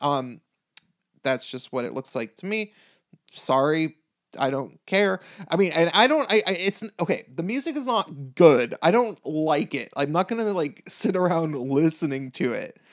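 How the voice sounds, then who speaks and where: A speaker with an androgynous voice giving a casual, opinionated rant, rambling and halting, with blunt swearing and a sardonic, exasperated manner. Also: medium pitch, expressive.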